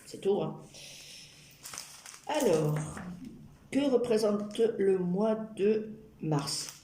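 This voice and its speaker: A woman's voice: mid-range voice, animated, drawn-out words, dark tone. A woman chatting casually and ramblingly to her viewers while she crafts, with playful asides. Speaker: YouTube craft vlogger. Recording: roomy echo, noisy background with clicks.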